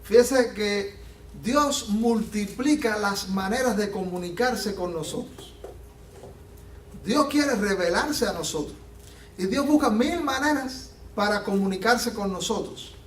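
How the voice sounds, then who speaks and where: A man preaching a sermon as pastor, animated and acting out the Bible scenes he tells. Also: high-pitched, slow, a little hiss or hum. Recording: echoey room from a distance.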